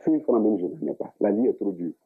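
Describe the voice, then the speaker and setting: A man with an Ivorian French accent playing a broke father in a comedy sketch, exasperated and tagging his lines with "hein?". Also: a little fast. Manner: exasperated, lively pitch, tags lines with "hein?". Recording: tinny lo-fi audio with room echo.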